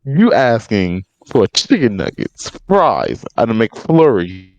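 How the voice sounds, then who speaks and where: Teasing man with a lively pitch. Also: slow pace, no room sound, dull audio. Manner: teasing, animated swings in pitch. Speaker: podcast guest. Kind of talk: casual chat.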